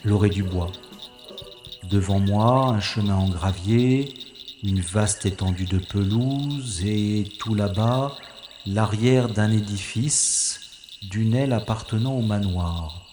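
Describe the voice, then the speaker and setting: Speaking slowly over music, a man with a lowish voice narrates in first person as a self-deprecating, wry secret agent describing his mission. The audio drama monologue sounds reverberant.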